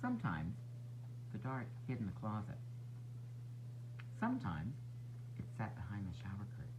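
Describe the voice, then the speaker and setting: A man reading a picture book aloud to young children, expressively and deliberately, with dramatic pauses. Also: on the low side, huge pitch swings. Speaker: storytime reader. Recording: muffled recording with clear background noise.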